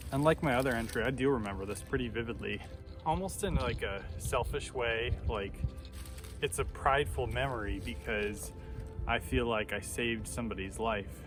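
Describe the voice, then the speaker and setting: A man in his thirties from the United States reads aloud and comments casually in a self-conscious, candid, reflective way. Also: medium pitch. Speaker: vlogger. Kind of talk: reading old journal entries aloud with casual commentary. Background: background music.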